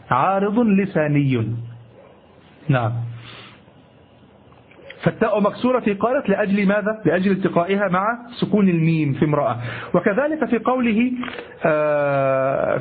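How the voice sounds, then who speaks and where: A man teaching an Arabic grammar lesson to a class. He repeats key phrases slowly and checks in with his students as he goes. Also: sits high, breathy edge. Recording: muffled lo-fi lecture recording.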